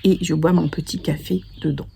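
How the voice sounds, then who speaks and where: A woman's voice: low voice, fairly even intonation, moderate pace, vocal fry, dark tone, slight background noise. A woman chatting casually in a craft vlog, hesitant with many fillers and small laughs. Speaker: craft vlogger. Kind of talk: casual knitting vlog chat. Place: outdoors on a walk, sunny day.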